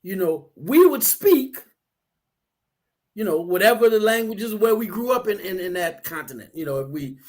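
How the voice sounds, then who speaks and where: A man's voice: high-pitched, animated, normal speed. A man talking earnestly and explaining his ideas, often restarting and repeating words. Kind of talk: casual discussion.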